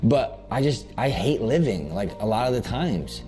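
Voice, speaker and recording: A man's voice: medium pitch, expressive, normal speed, music in the background. Emotional man giving his testimony. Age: 30s. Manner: earnest, confessional, voice catching with emotion. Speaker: interviewee sharing his testimony.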